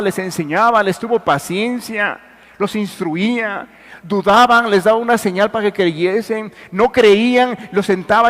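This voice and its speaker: A man preaching a sermon as pastor, swinging between hushed and forceful delivery and addressing listeners directly. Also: high-pitched, big-room sound. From Mexico. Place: church.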